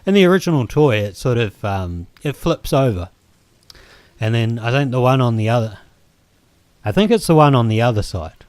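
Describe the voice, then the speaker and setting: A Kiwi-accented man hosting a let's play speaks at medium pitch and moderate pace, animated and a little mellow, in a dry recording. His casual gameplay commentary rambles hesitantly between moments, peppered with ums and restarts.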